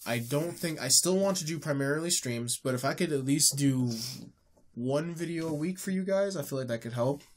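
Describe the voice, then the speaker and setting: With his nose stuffed up, a man co-hosts a laid-back gaming podcast, wandering through his thoughts with lots of fillers and frequent restarts as he corrects himself. His pitch leans high and his pace is moderate.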